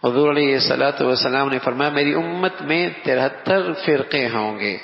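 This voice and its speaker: A man's voice: medium pitch, gravelly. A man preaching a sermon who repeats key phrases for emphasis and recites quotations in Arabic. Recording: echoey hall, dull lo-fi sound.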